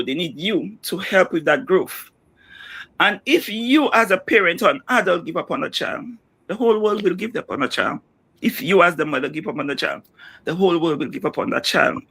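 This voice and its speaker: A woman's voice: on the low side, expressive, brisk, a bit bright, slightly rough. A middle-aged woman, a guest mother, speaking emphatically and repeating her points in a heartfelt, prayerful way. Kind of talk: emotional interview testimony.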